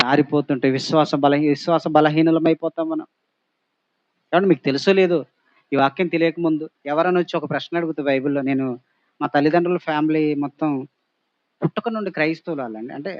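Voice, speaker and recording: A man's voice: fairly high pitch, dry recording, lo-fi sound. A male pastor preaching a sermon, pressing the congregation with repeated rhetorical questions and emphatic exhortations.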